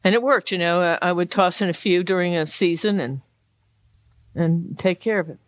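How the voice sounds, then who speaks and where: A woman's voice: lowish voice, normal speed, no room sound. A woman hosting a casual interview, chatty and encouraging toward her guest. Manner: chatty, encouraging, lots of backchannel. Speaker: show host.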